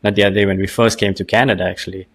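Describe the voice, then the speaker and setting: Low-pitched South African man, casual. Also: steady tone, very fast, fairly bright tone, husky. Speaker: podcast host. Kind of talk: casual conversational interview.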